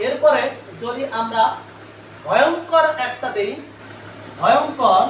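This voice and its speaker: High-voiced man teaching in an echoey room. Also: animated, takes it slowly, recorded from a distance. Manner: quizzes the class with repeated questions and answers them himself. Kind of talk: live online grammar lesson. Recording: echoey room, away from the mic, faint noise.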